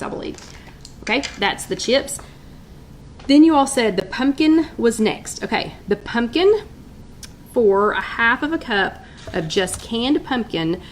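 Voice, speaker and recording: A woman's voice: mid-range voice, poor audio. Lady chatting on a live stream at home, upbeat, reading off viewer votes, faint hum behind her. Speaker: host of a live weight-loss chat.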